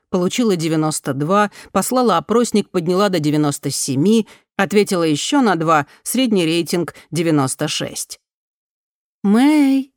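Audiobook narrator: woman, calm and even, lower register, dry studio sound. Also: dry recording. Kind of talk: scripted narration.

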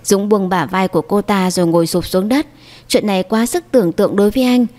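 A woman reads a dramatic story aloud and speaks every character's lines herself. Her voice is mellow and sits at a middle pitch. The recording carries a long, hall-like reverb. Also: fast talker. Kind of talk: dramatic story narration voicing all characters.

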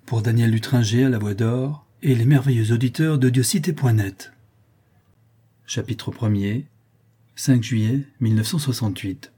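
Man reading a crime novel out loud, slow and steady, dark husky voice. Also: mid-range voice. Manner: calm, measured reading. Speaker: audiobook reader. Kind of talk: scripted audiobook narration.

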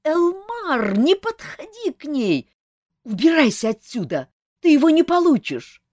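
A woman's voice: high voice, very animated, measured pace, darkish tone, no echo, studio quality, voice pushed up. A woman voicing a young female nymph dancer who screams and pleads in desperation. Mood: frantic.

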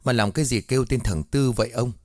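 A man voicing an anxious, sharp-tongued old village woman in her seventies who calls out shrilly and scolds. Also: medium pitch, fast talker, no echo, clean studio sound, natural voice. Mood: worried.

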